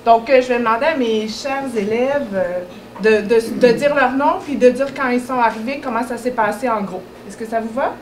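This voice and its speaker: A woman, speaking as an educational consultant at a public launch, hesitating often and filling pauses. Her voice sits a little high. The sound carries the echo of a large hall, with steady background noise. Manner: hesitant, many fillers. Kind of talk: presenting students at a public event.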